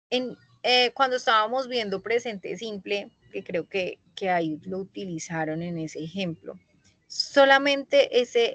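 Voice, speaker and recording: A woman's voice: a little high, pushed and bright, no room sound, poor audio. A woman teaching an English grammar lesson in an online class, explaining patiently and checking in often with her students. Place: online meeting recording.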